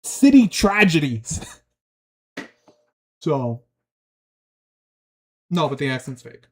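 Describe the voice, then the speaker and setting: Rambling young Long Island streamer. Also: male voice, fairly high pitch, extremely slow. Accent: Long Island New York. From Long Island, New York. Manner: rambling, animated, slangy. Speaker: livestreamer. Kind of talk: casual stream chat, reacting to chat.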